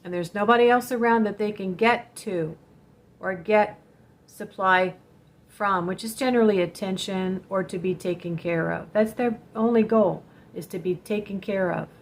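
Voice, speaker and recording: Speaking at a moderate pace in a medium-pitched voice, a woman hosts a spiritual channel vlog. She recounts a personal story earnestly and directly, with a warning for her viewers.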